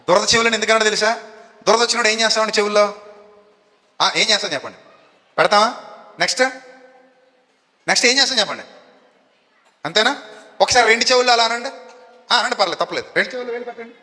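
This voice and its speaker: A man with a high, bright, forceful voice preaches to a live congregation, throwing questions at them and waiting for replies. The sound rings with long echo from a church hall. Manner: fires questions at the congregation and has them answer. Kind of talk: sermon. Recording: echoey hall reverb.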